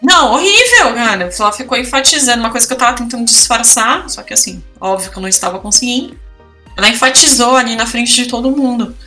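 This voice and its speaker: A woman's voice: fairly high pitch, fast talker, sharp tone, far from the mic, faint music behind. A woman, co-hosting a podcast, telling personal stories in casual chat with lots of feeling. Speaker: podcast co-host.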